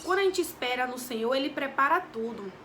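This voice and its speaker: A woman's voice: high voice, animated, fast, bright, forceful tone, slight background noise. A young woman from Brazil with a Bahian accent, telling a heartfelt, devout personal story in a vlog, repeating phrases as she goes. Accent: Bahian Brazilian Portuguese. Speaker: vlogger. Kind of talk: emotional personal testimony.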